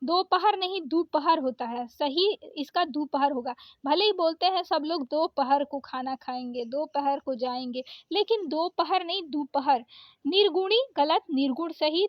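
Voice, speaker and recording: Very high woman's voice, lecture drill, dry and muffled home recording. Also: dry recording. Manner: drills wrong and right forms in quick pairs. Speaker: teacher. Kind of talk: exam-prep spelling lesson. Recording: dull, dry close recording.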